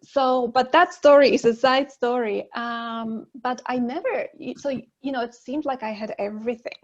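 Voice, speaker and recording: A woman's voice: a little high, normal speed, muffled recording. A woman in her forties, born in Poland, talking openly as a guest relationship expert on a video call, with lots of fillers. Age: 40s. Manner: chatty and open, with frequent laughs and fillers. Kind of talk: casual interview talk. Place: living room at home. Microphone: earphone mic on a video call.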